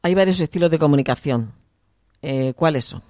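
A man's voice: a little high, normal speed, a little mellow, no room sound, clean studio sound. A man hosting a radio program, introducing a guest and asking short questions. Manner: brief, inviting questions.

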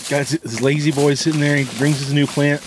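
Deadpan man telling a crude story. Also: fairly high pitch, brisk, noisy background.

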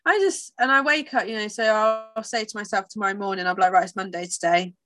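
A woman's voice: fairly high pitch, expressive, fast. A woman in casual, confiding conversation, speaking in a candid, informal and reflective way.

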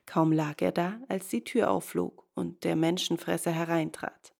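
Woman narrator, fairy tale, gravelly, low. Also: measured pace. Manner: calm storybook narration. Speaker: storyteller.

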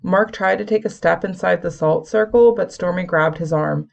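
Woman audiobook narrator, lowish gravelly voice, even storytelling. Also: moderate pace. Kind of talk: scripted narration.

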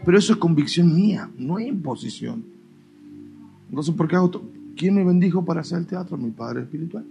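A male pastor with an Argentine Spanish accent preaches in a lively, conversational way, slipping into quick mock dialogues. His voice sits a little high and swings up and down a lot. Soft music plays faintly underneath. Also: creaky. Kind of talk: sermon. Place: church.

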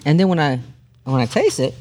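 A man's voice: on the high side, big pitch swings, brisk, a little mellow, soft background music. A man hosting a casual podcast in an easygoing way, steering the talk with many fillers. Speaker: podcast host.

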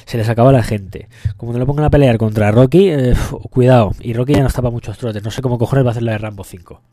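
A young man with a Spain Spanish accent rambles through his solo podcast, cursing freely and jumping from one topic to the next. His voice is mellow and dark, and it sits close and dry with no room sound around it. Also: medium pitch, fast, dry recording. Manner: crude, profane and joking; rambling, loses the thread. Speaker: podcast host. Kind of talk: casual solo podcast rant.

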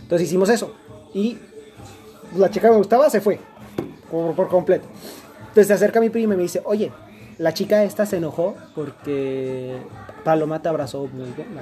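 A man's voice: a little high, warm tone. A young man with a Mexican accent telling a long personal story in a casual chat, slangy and rambling, with many restarts.

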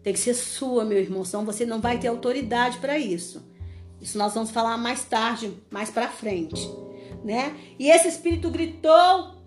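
A woman preacher giving a fervent sermon, repeating phrases and rising to emphatic commands. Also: on the high side.

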